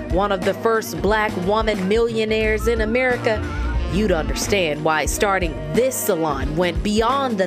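A woman reporter giving a measured, scripted news narration. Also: medium pitch. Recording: voice-over with music bed.

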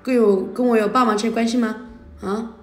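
A woman's voice: on the high side, steady tone, brisk, a little mellow. Indignant scolding woman, echoey room. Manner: indignant, scolding, repeats herself. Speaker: livestreamer. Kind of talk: heated argument on a livestream. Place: indoor room at night.

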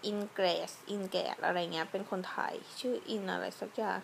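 A woman's voice: mid-range voice, gravelly, a little hiss or hum. A young woman, a beauty vlogger, chatting casually and rambling, lying in bed at home at night and talking close to a phone camera. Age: young adult. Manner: chatty, rambling, self-correcting. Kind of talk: casual vlog chat.

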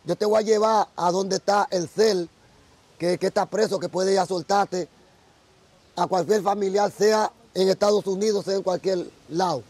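A man's voice: sits high, fairly even intonation, normal speed, darkish tone. A Dominican man, a Vodou priest, telling stories earnestly in a casual outdoor interview. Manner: earnest storytelling. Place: outdoors by a tree.

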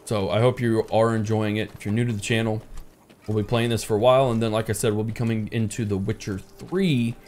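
A man's voice: on the low side, steady tone, brisk, darkish tone. A man in his thirties hosting a casual let's play, thinking aloud in an easygoing way. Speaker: gaming channel host. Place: indoor room.

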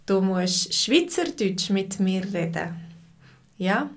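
A woman with a Swiss German accent teaching a live online language lesson, speaking slowly and clearly and repeating phrases for learners. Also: medium pitch, expressive.

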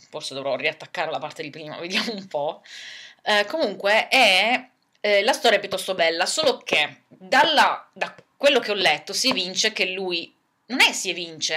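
A woman's voice: on the low side, bright, forceful tone. Chatty woman reviewing books. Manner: chatty, thinking aloud with fillers. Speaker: book vlogger. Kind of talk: casual book review.

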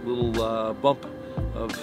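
A man's voice: fairly low pitch, flat delivery, measured pace. A man in his thirties talking casually to camera outdoors in the snow, giving a fishing report with many fillers and restarts. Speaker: fly shop owner giving a fishing report. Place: outdoors by pickup trucks in snow. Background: music bed under the talk.

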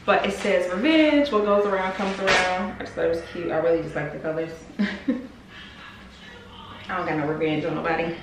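A woman's voice: on the low side, brisk, pauses often. A young woman in casual, chatty talk, showing a clothing haul to her viewers and calling them y'all. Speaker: vlogger. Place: room in a house under renovation. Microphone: camera on a desk in front of her. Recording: roomy echo with clear background noise.

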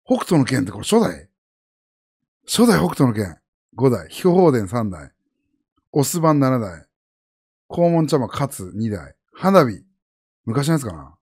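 A man's voice: takes it slowly, pauses often, husky. A man from Japan chatting casually with his viewers as a streamer, rambling and jumping from topic to topic. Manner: rambling, animated, jumps between high and low pitch.

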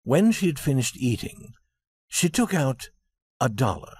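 Male narrator, lively storybook read, slightly husky, dry close mic. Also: mid-range voice, unhurried, no room sound. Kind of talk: storybook reading for English learners.

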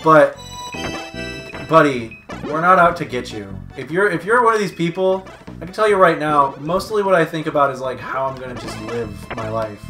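A man's voice: a little high, moderate pace. A man co-hosting a casual chat during a gaming session, laughing easily and rambling. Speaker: podcast co-host. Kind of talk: casual chat while playing a game. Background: game music.

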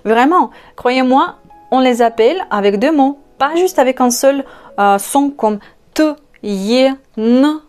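Her pitch is high and her delivery expressive as this native Russian speaker, who has a Russian accent, leads an online language lesson. She goes slowly and patiently, spelling letters and repeating each word, her clean tone a little mellow over soft background music.

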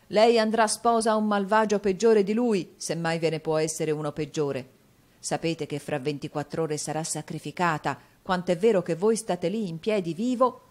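A woman reading an audiobook, voicing an agitated, cryptic middle-aged male clerk in a loud, urgent way. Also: lowish voice, close to an everyday voice.

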